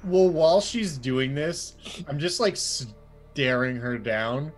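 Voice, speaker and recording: A man's voice: medium pitch, slow, over music. A man speaking casually as a player in a tabletop game.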